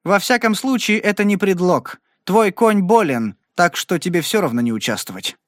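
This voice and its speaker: A scheming, hostile rancher, as a male audiobook reader voices him, gloating and mocking in a raised, fairly high male voice. The sound is dry, close and free of room echo. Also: lively intonation, normal speed. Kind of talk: audiobook reading.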